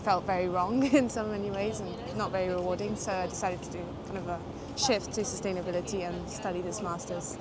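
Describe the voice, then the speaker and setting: A young woman raised in Portugal talks in English with a light British-tinged accent, French being her first language. She chats easily but hesitates often, with many "um"s and small laughs. The recording is made outside on a city street, with clear traffic noise behind her. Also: on the low side, fairly even intonation, fairly quick, hardly any pauses. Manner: chatty, hesitant with frequent fillers and small laughs. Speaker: interviewee, graduate student. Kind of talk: casual street interview.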